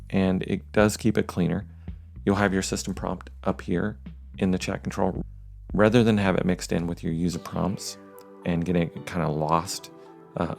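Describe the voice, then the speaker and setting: Low, gravelly man explaining software. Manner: plain, explanatory, with frequent "uh" fillers. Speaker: software tutorial presenter. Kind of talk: screen-recorded tech tutorial.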